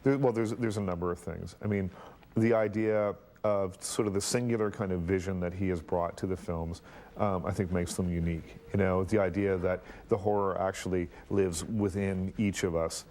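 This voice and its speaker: A man's voice: low-pitched, steady tone, moderate pace, a little mellow. A man in a documentary interview, analyzing films thoughtfully and restarting his sentences.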